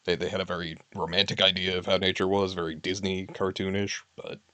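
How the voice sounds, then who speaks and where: Deep-voiced and a bit fast, this man keeps a level tone with a sharp edge, and the audio has no echo. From his home stream he casually talks to viewers, candid and wry, reading items off a list and offering his take.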